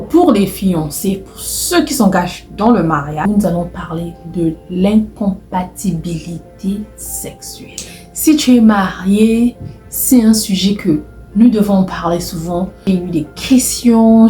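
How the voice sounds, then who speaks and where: This is a woman from Brazzaville giving casual advice straight to her viewers. She has a mellow, dark voice and often repeats herself for emphasis. The room is echoey, with faint music under her. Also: medium pitch. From Republic of the Congo (Brazzaville). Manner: chatty, addresses viewers directly, repeats phrases for emphasis. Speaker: vlogger. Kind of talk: casual advice talk to camera.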